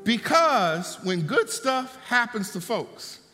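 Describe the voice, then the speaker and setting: A man's voice: very high-pitched, sing-song, slow pace, pushed and bright. A man preaching a sermon, mixing fervent preaching with folksy asides to the congregation. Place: church sanctuary. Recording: long hall reverb, faint music.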